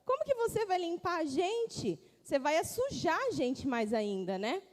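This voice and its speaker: A woman's voice: very high-pitched, big pitch swings, unhurried, full character voice. A woman voicing a crowd of dirty dishes that whine and complain. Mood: whining. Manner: whiny, complaining. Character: grumbling dirty dishes, a whining crowd of plates. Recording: echoey hall.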